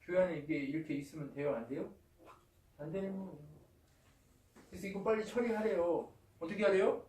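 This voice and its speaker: A man's voice: fairly high pitch, a little mellow. A man preaching a sermon as pastor. He keeps asking the congregation questions and answering them himself, and retells Paul's words in blunt casual speech. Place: church sanctuary. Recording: roomy, from a distance.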